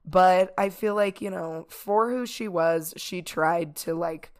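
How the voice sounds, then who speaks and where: Hoarse lady podcast host, kinda low voice, chatting super casual. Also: slow, a little mellow. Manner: informal, peppers talk with "like" and "y'all".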